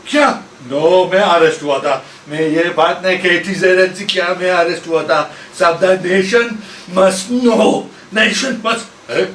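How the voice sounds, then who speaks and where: A panicky, famous male news reporter who bursts into shouts and repeats every word in a frantic rush, as a man puts him on. His voice sits high and carries the boom of an echoey room. The mic is distant, with a faint hum of ambience behind him. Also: takes it slowly, hardly any pauses. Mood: confused.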